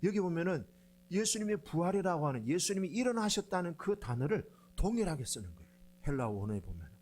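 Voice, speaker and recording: A man's voice: on the high side, fast talker. A middle-aged man preaching a sermon as pastor, telling stories and acting out quoted lines. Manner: animated storytelling, acts out quoted lines with dialect.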